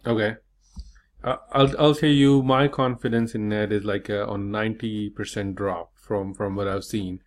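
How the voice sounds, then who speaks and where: A man's voice: on the low side, steady tone, moderate pace. A man hosting a casual online interview, frank and hesitant with many fillers. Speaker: interview host.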